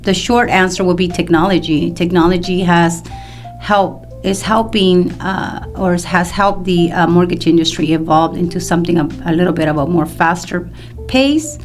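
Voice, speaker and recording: With music running in the background, a woman in her fifties from El Salvador talks at a moderate pace in a lowish voice. She's a mortgage loan professional guesting on a podcast, explaining at length in a relaxed, conversational manner.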